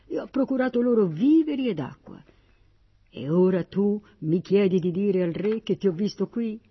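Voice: medium pitch, lively intonation, normal speed, breathy edge. A reader doing a frightened, pleading royal steward. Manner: pleading, anxious questions. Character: fearful, loyal male royal steward. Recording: dull lo-fi recording.

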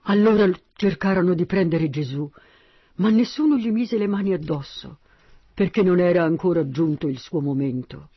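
A man narrating a Bible passage in a steady, slightly husky voice. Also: sits high, normal speed, dry recording, highs cut off. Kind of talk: Bible reading.

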